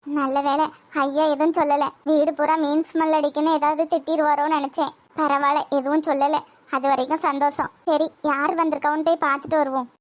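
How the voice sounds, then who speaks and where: A humble house maid, as a woman voices her, high-pitched and eager to please, speaking deferential Tirunelveli Tamil in a cartoon. Her voice is high and light. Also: flat delivery, fairly quick, natural voice. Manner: deferential, says "ayya" often.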